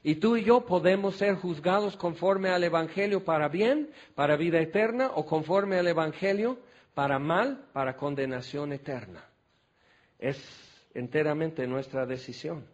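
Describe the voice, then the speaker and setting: A Mexican man preaching a sermon, switching between quiet scripture reading and excited, folksy storytelling. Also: moderate pace, muffled recording. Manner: animated, shifts from low quiet scripture reading to excited shouting; conversational, folksy storytelling with fillers like "este".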